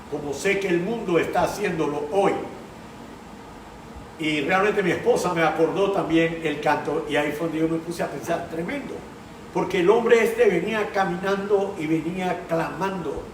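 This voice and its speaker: Slow-speaking pastor preaching, roomy sound. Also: male voice, fairly high pitch, far from the mic, a little hiss or hum. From Panama. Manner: slow and earnest, breaks into song. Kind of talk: sermon with singing.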